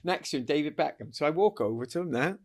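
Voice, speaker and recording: A man from the UK, a former athlete, telling lively anecdotes in a casual interview, acting out the voices and laughing often. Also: a little high, quick pace. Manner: animated storyteller, acts out voices, laughs often. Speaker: guest athlete.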